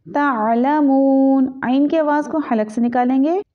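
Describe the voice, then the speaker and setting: Female tajweed teacher, high voice, slow drawn-out recitation, narrow tinny sound. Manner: recites each word slowly, then explains fast in a lower voice. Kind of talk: tajweed lesson, reciting slowly then explaining quickly. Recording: tinny phone-like audio.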